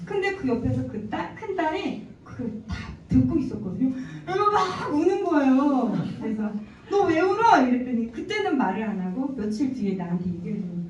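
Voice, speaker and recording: Woman, 40s, church testimony speaker; earnest, storytelling, mellow and a bit high; distant mic, echoey hall, muffled sound. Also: expressive, fairly quick, few pauses, a little hiss or hum. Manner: earnest storytelling, acting out dialogue. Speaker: church member giving testimony. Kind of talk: personal testimony to a congregation.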